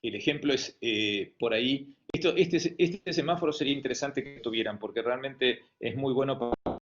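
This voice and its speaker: A man's voice: mid-range voice, moderate pace, a little hiss or hum. A man with an Argentine Spanish accent giving an online medical lecture, hesitant, with many fillers and restarts. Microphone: video call. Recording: dull lo-fi online call audio.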